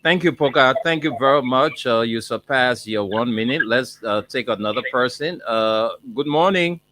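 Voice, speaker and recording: A man hosting a casual call-in radio show, brisk and jokey with many fillers. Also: medium pitch, noisy background.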